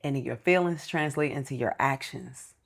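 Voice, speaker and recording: A woman's voice: extremely low pitch, normal speed, creaky. A woman in her thirties talking as an interview guest, earnest and reflective, explaining things step by step in casual chat. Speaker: entrepreneur guest.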